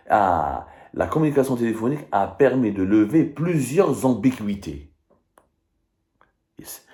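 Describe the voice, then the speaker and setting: This is live political commentary from a man with an Algerian accent whose voice is fairly low and a little mellow. He reads and dissects statements, arguing emphatically and repeating himself.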